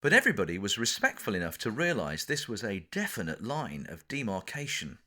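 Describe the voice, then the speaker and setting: A man with a fairly low voice, wildly swooping pitch, and a sharp tone speaks briskly. Reading his own memoir for an audiobook in an English accent, he tells a scripted anecdote with theatrical, dramatic emphasis.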